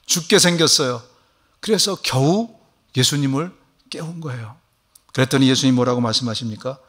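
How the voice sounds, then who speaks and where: A man's voice: mid-range voice, a bit bright. A man preaching a sermon as a church pastor, emphatic, often asking the congregation questions. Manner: emphatic preaching, voices Jesus' questions slowly; asks the congregation questions, affirming 'ye'. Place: church sanctuary.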